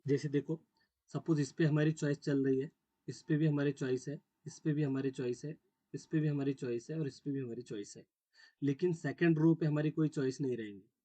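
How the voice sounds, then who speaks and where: A man lectures a math class with a slightly high, mellow voice. He walks through each step and keeps checking that his students follow. The sound is dry and close. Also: fairly even intonation, normal speed, no echo. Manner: explains step by step, checks understanding often; mixes English terms into Hindi. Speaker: math teacher.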